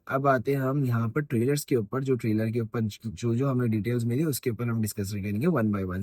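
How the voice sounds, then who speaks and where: A man's voice: mid-range voice, a little mellow, no echo, studio quality. A man casually breaking down a TV trailer, rambling and correcting himself with many fillers. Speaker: YouTube host.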